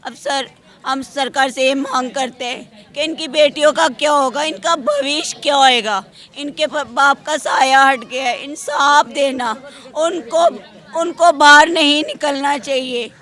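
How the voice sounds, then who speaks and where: A woman's voice: high-pitched, unhurried, fairly bright tone. A woman demanding justice for her brother in an impassioned street interview. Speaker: victim's sister.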